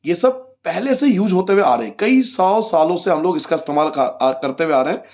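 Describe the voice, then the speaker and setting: A man's voice: high voice, expressive, a little fast, a little mellow. A man teaching a class 10 geography lesson, asking his own questions and answering them, repeating the key points for his students. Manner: addresses students as children.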